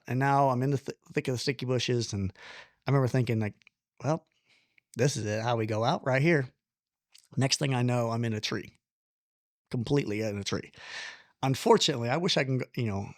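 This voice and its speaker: Gravelly-voiced man telling a wild story. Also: mid-range voice, no room sound, studio quality. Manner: animated, blunt, self-deprecating storyteller with mild swearing. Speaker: podcast guest. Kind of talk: casual storytelling conversation.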